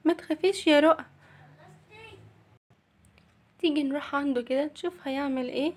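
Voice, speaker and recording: A woman's voice: high voice, very fast, lightly acted. A woman voicing a cheerful little girl with an Egyptian accent, chattering sweetly in a children's play-acting story. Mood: reassuring. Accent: Egyptian Arabic.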